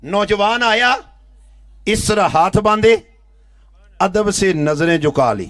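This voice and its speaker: High, bright-voiced preacher man, fervent. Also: expressive, no room sound. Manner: swings from soft storytelling to shouted exhortation. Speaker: religious preacher. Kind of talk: impassioned sermon storytelling. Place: outdoor religious gathering with a crowd.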